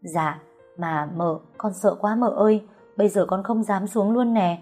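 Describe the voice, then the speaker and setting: A woman's voice: mid-range voice, a little slow, a little mellow, soft background music, lightly acted. A woman voicing a frightened, chatty young housemaid, talking in breathless, fretful bursts.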